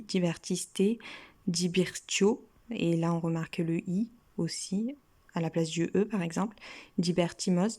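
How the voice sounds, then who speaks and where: A woman with a French accent teaches a casual language lesson, slowly listing verb endings one by one. Her voice is mellow and sits a little low, and she often drops into a soft half-whisper as she recites.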